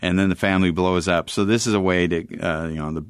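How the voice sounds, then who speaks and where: A man's voice: low-pitched, steady tone, fast, smooth, no echo, studio quality. A man talking as a financial advisor on a radio show, explaining things in plain conversational terms.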